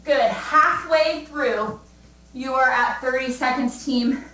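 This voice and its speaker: A breathless young woman coaches a home workout class, upbeat and encouraging as she calls out cues and counts down. Her voice sits a touch high and bounces around an echoey room, picked up from some distance away. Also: slow, sharp tone. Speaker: fitness instructor. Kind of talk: live fitness class cues.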